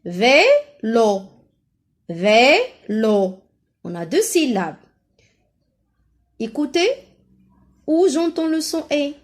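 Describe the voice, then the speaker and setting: A primary school teacher with a Moroccan French accent walks young children through sounds and letters. Her voice is fairly high and swoops up and down, and she stretches each syllable slowly and kindly. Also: very animated, darkish tone. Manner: slow, drawn-out syllables, encouraging. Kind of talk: teaching a first-grade phonics lesson.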